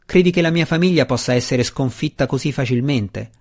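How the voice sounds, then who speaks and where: A man doing a calm, resolute dark elf. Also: medium pitch, a little fast, natural voice. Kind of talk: audiobook character reading.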